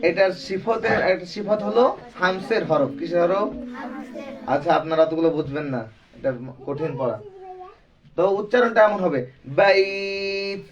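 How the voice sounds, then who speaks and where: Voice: mid-range voice, moderate pace, distant mic, dull audio, crowd noise. A Quran recitation teacher giving a classroom lesson, drilling the students with repeated questions and call-and-response.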